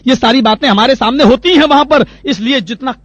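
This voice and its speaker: A man's voice: very high-pitched, a bit bright, dry recording. A male Islamic preacher, giving a dramatic, fiery sermon that rises to impassioned cries. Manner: dramatic, rising to impassioned cries when quoting prayers. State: unwell, asks for warm water. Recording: dull, lo-fi dry sermon recording.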